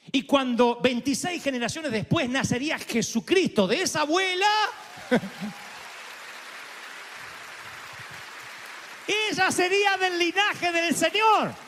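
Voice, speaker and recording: Argentine pastor guy, kinda high voice, acts out all the quotes, jokey and theatrical. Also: a little hiss or hum. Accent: Argentine Spanish. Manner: animated and theatrical, acting out quotes and joking. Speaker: preacher. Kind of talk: storytelling sermon. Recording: long hall reverb.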